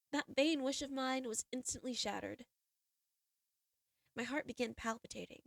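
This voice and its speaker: Recorded dry with clean studio sound, this young streamer's voice sits high and sounds stuffy from a cold. She giggles and stays bubbly while chatting and reading a visual novel aloud.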